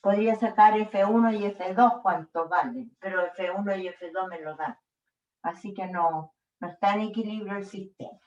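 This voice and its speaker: Woman, physics teacher, distant and muffled, unhurried classroom explaining. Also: mid-range voice, darkish tone. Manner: slow, checks in with frequent "¿ya?". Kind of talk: explaining a worked problem. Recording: echoey room, distant dull mic.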